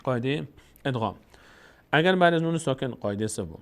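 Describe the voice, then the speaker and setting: A man from Tajikistan with a Tajik accent, teaching Quran reading in a patient step-by-step lesson, repeating letters and drawn-out sounds for practice. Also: mid-range voice, animated. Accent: Tajik-accented Persian.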